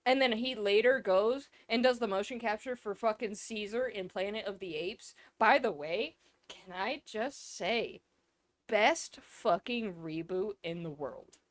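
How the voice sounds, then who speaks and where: A woman co-hosting a casual podcast, rambling and excitable, swearing freely. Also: mid-range voice, unhurried. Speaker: podcast co-host. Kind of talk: casual chat.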